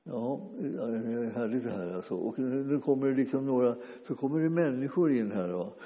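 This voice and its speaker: Man, preacher, informal sermon, very dark voice, halting with restarts, lo-fi reverberant recording. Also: mid-range voice, expressive. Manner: conversational, halting with restarts and fillers. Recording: dull lo-fi sound with long reverb.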